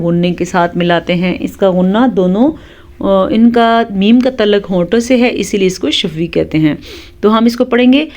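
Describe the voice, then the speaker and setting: Slow, patient woman teaching Quran recitation. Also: mid-range voice, dull audio. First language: Urdu. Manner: explains rules calmly, then recites words slowly and drawn out. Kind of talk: tajweed lesson with slow recitation.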